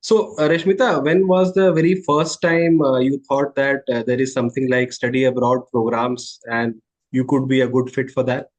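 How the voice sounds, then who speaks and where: A man's voice: medium pitch, level tone, moderate pace. A man hosting a podcast, asking questions in a casual interview and often affirming the guest before he goes on. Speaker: podcast host.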